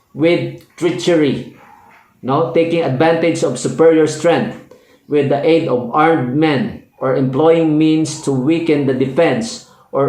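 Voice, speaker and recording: Hesitant man teaching, in an echoey room. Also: fairly high pitch. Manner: explains slowly with frequent "no?" checks and hesitations. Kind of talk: classroom-style legal lecture.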